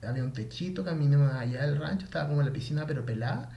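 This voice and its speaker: A man with a fairly high, gravelly voice tells a winding personal story, animated and full of slang. His voice rings around an echoey room. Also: rapid-fire, muffled recording. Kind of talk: casual storytelling monologue.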